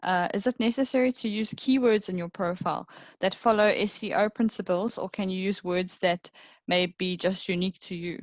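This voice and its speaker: A woman with a mid-pitched voice moderating an online webinar and reading out questions from the audience. She is brisk and matter-of-fact. The sound is dry and close, like a video call. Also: steady tone, dry recording.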